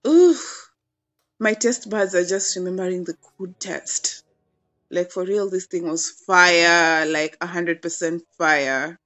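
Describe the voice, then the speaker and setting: A woman's voice: on the low side, slow pace, fairly bright tone, highs cut off. A young woman in her twenties chatting casually as she narrates a home cooking demo, playful and gushing about the food. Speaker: cooking vlogger.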